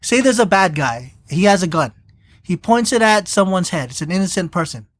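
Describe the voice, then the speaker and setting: Animated storytelling podcast co-host. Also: medium pitch, fairly quick, no echo. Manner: animated storyteller, acts out quotes; rambling with restarts. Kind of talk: casual chat, movie recap.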